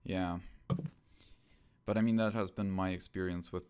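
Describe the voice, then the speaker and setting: A man co-hosting a casual podcast about a tabletop game, thinking aloud and hesitating with many ums, on rough home audio. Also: deep voice, fairly even intonation, normal speed, darkish tone. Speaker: podcast co-host.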